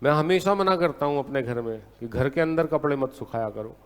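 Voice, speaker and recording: A man teaching a law lecture in a lively storytelling way, often checking in with his class. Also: medium pitch, a little fast, smooth, big-room sound. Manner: lively storytelling, keeps asking "है ना?".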